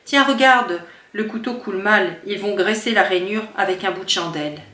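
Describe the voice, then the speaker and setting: A woman's voice: mid-range voice, normal speed, sharp tone, close to an everyday voice. A woman voicing a blunt woman in a crowd who points things out to a child in a matter-of-fact way. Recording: roomy sound from some distance from the mic.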